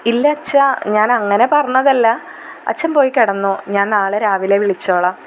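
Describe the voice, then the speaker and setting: A woman voicing a gentle, dutiful young daughter who speaks softly and reassuringly to her father in a retold serial story. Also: mid-range voice, moderate pace, a little hiss or hum, natural voice. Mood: pleading.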